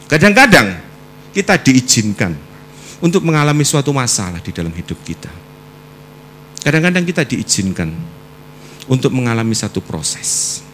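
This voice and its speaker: A man preaching a sermon with personal testimony, swinging between loud exhortation and soft, prayerful asides. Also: mid-range voice, sing-song, moderate pace, pauses often, a little hiss or hum.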